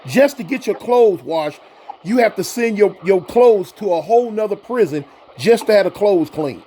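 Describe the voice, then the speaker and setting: A man's voice: high-pitched, lively intonation, normal speed, dark tone, slight background noise. A man hosting a casual live interview, emphatic and repeating points for stress. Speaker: interviewer, host.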